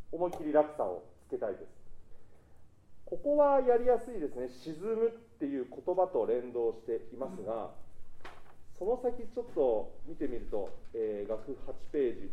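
A man's voice: medium pitch, sing-song, moderate pace, echoey room, phone-quality sound. A man coaching a choir in rehearsal, encouraging the singers and singing short phrases to show how they should sound. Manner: encouraging, sings phrases to demonstrate. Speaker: choir conductor.

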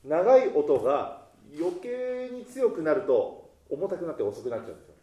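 A man leading a choir rehearsal, giving instructions in an animated way and breaking into sung demonstrations. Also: fairly high pitch, normal speed, echoey room. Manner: animated, sings demonstrations mid-sentence. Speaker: choir conductor.

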